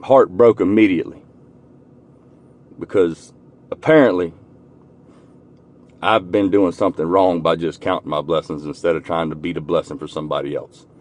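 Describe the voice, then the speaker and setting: A young man, telling a personal story in a casual, heartfelt way from inside his truck, repeating and restarting words and softening when he is moved. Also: low-pitched, fairly even intonation, normal speed, long pauses.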